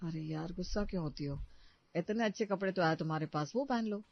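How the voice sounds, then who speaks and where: A woman voicing an easygoing young husband in a soft, lowered voice. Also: brisk, gravelly. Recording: dry, slightly dull recording.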